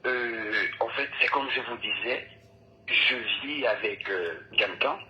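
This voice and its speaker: A man's voice: mid-range voice, slow, sharp tone. A young man calling an advice show by phone, hesitant and polite with many ums, emotional and near tears. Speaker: caller. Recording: dull phone line, faint noise.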